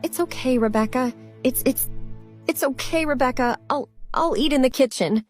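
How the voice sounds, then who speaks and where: A woman playing a kind, humble, soft-hearted character in a scripted drama, gentle and earnest. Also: high voice, moderate pace, faint music behind. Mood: meek, deferential.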